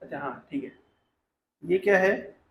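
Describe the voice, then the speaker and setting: Male teacher, high pitch, quizzing style, roomy classroom sound. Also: expressive, a little slow, lo-fi sound, slight background noise. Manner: questioning, coaxing students to answer.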